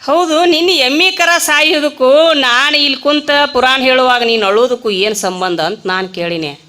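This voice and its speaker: A woman preacher with a North Karnataka accent giving a comic religious discourse in a temple, telling stories with rustic humor and quick asides to the audience. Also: high-pitched, pushed and bright. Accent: North Karnataka Kannada. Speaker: spiritual preacher.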